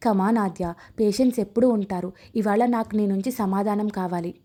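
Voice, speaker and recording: A woman's voice: medium pitch, moderate pace, warm tone, lightly acted. A woman reading as a pushy young suitor. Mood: coaxing. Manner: pushy, coaxing. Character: persistent young male senior doctor.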